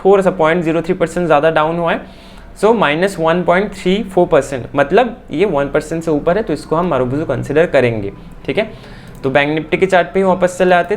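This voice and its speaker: Fast-talking man teaching a chart lesson. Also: fairly high pitch. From India. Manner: fast, repeats phrases, says "theek hai" often. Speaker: stock market trading teacher.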